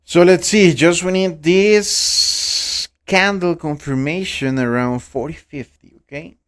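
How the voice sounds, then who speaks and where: A young Costa Rican man who speaks Spanish natively, hosting a live trading stream in halting English, with many repeated words and restarts. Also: a little high, fairly bright tone. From Costa Rica. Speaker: livestream trading host. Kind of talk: casual live-stream chat.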